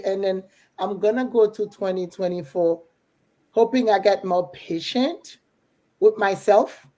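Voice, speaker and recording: Speaking with a Haitian accent, a middle-aged woman from Haiti who works as a business coach and mentor offers casual, encouraging motivation. Her voice is mid-range and dark, captured in a low-quality recording.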